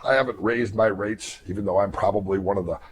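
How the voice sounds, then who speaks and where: A man in his fifties, a hypnotist and therapist, speaking earnestly to fellow hypnotists in a measured way, his voice a little weakened after throat surgery. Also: fairly low pitch, steady tone, background noise. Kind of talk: reflective talk to fellow hypnotists.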